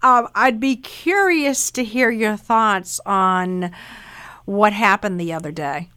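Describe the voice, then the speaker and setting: Boston accent lady hosting radio talk show, chatty and informal, dry studio sound, normal pitch. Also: takes it slowly, bright, forceful tone, clear, resonant tone, dry recording. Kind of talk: radio interview and scripted host introduction.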